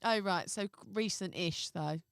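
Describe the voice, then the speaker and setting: A young woman co-hosting a podcast, chatting casually, sassy and quick with jokes. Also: fairly low pitch, clear, resonant tone, dry recording, studio quality. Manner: sassy, wisecracking, interjects with jokes. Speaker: podcast co-host. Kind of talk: casual chat.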